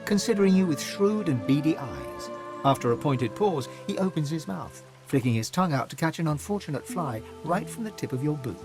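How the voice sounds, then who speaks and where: A man narrating a fantasy video game in the second person, with measured, dramatic storytelling. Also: fairly high pitch, lively intonation, over music.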